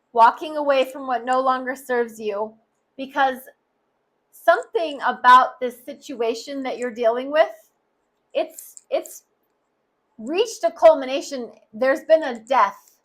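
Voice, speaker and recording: Slow, high-voiced woman tarot reader. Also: a bit bright. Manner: earnest, speaks straight to the listener. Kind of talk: tarot card reading monologue.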